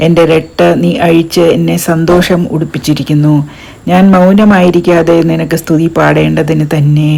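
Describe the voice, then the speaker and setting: Gravelly, mellow-voiced woman reading scripture. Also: low voice, steady tone. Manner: slow, solemn reading. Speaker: scripture reader.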